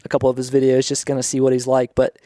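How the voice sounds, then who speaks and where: A man's voice: mid-range voice, monotone, racing, mellow, dry recording. Easygoing man, dry close sound. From Atlanta, USA. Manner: easygoing, rambling with fillers. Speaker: podcast co-host. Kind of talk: casual chat.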